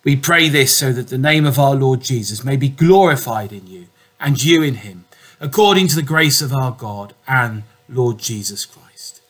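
A man, a priest, reading scripture and then preaching a sermon in a measured, deliberate way. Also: mid-range voice, expressive, a bit bright, low-quality recording.

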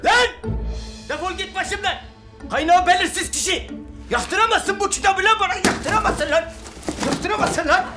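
An actor playing an excitable, stubborn, besotted man who whines and exclaims melodramatically in a TV comedy drama. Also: high voice, moderate pace, over music. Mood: indignant shouting.

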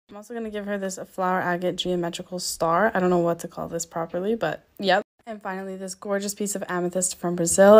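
A young woman who runs a small shop, chatting casually and upbeat as she lists items one by one while packing orders. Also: on the low side. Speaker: crystal shop owner.

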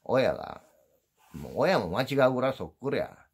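Speaking in an Osaka dialect, a middle-aged man with a gravelly low voice wanders through a self-deprecating, folksy chat for his channel audience. His pitch swings widely at a moderate pace, and he records on a handheld phone.

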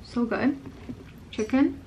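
A woman's voice: a little high, slow, creaky, lo-fi sound. Chatty young woman vlogging to camera. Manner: chatty, rambling, talks to camera. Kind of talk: casual daily vlog. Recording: noisy handheld vlog audio.

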